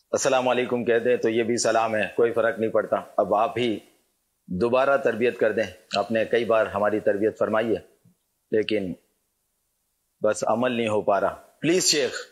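A man hosting a religious talk show, speaking politely and eagerly as he sets up questions. His voice sits at an ordinary middle pitch. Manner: courteous, lively questioning with a raised, eager tone. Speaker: show host.

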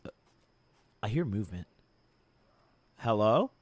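A young adult man with a lowish voice takes his time but sounds very animated while chatting on a gaming live stream. He talks like a frat bro, slangy and profane, tossing around "bro," "dude," and "boys" with easygoing hype.

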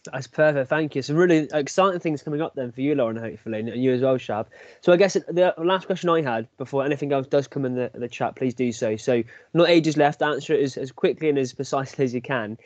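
A man's voice: medium pitch, fast talker, darkish tone, no echo. A man in his thirties hosting a webinar on a video call, friendly and asking questions. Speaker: host of the webinar. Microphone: laptop webcam, video call. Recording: dull dry webcam sound.

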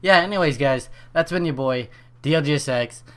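A man's voice: on the high side, brisk. A young man giving casual gaming commentary for his channel, joking, teasing his friend and swearing casually. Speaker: gaming YouTuber.

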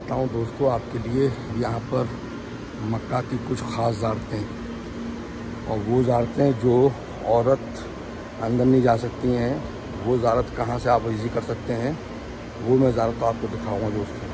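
A man's voice: mid-range voice, normal speed. A man vlogging a walking tour outdoors, guiding viewers through streets while walking. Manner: flat, steady guiding narration addressing viewers as friends. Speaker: travel vlogger. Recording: loud outdoor street noise. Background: loud traffic and street noise.

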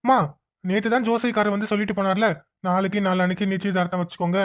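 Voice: mid-range voice, level tone, lightly acted. A voice actor playing an irritable young man in a cartoon, curt and dismissive. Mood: insistent. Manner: curt, rapid.

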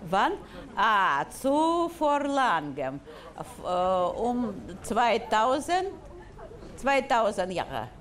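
An older woman with a Ukrainian accent, answering a street interview at an outdoor market, halting and searching for words. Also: fairly high pitch, big pitch swings. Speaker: passer-by interviewed. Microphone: handheld boom mic.

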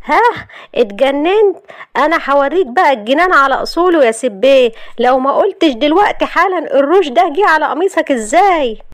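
A woman voicing a furious, heartbroken young wife in Egyptian Arabic, shouting sharp accusations. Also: high voice, fast talker, pitched above the performer's own voice, natural voice.

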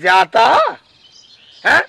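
Shekhchilli, a man playing a creaky whiny fool. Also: high-pitched, animated, very slow, noisy background, full character voice. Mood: pleading. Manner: pleading, rambling. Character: simple-minded bumbling village man, whiny. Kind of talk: comedy sketch acting.

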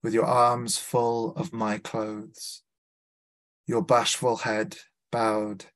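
Scouse guy reading his poems at a lit fest, lowish voice, takes it slow, few ums between poems. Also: fairly bright tone. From Liverpool, England. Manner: measured, deliberate reading with small hesitant fillers between poems. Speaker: poet. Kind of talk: live poetry reading with spoken introductions. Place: literary festival event.

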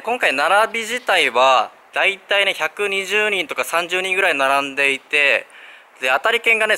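A man in his thirties with a fairly high-pitched voice films himself on a city walk for his sneaker vlog, holding the camera at arm's length. He chats in a relaxed way packed with fillers and frequent "ne" tags, with street noise behind.

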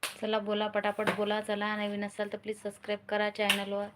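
A woman's voice: mid-range voice, completely flat delivery, fairly quick, heavy background noise. A middle-aged woman from Maharashtra, chatting casually on a live stream and repeatedly urging viewers to join and comment. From Maharashtra, India.

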